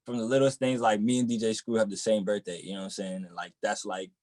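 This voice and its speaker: A young man from the Boston area, a rapper in a relaxed interview, who keeps filling his talk with "you know what I'm saying.". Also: fairly low pitch, quick pace, dry recording. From Boston area, United States. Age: young adult. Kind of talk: casual interview chat.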